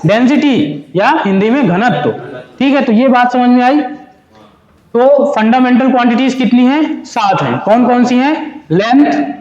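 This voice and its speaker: A male physics teacher lectures a class in a very high, unhurried voice with a darkish tone, working through the material step by step. He poses questions and answers them himself, blending Hindi and English terms. The sound is roomy and the recording muffled.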